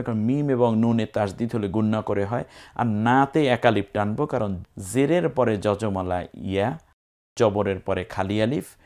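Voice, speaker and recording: Guy teaching quran reading, super slow and patient, spells out each sound then chants the word long. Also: on the low side, a little mellow. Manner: patient, spells sounds slowly, breaks into drawn-out recited words. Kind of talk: step-by-step recitation lesson.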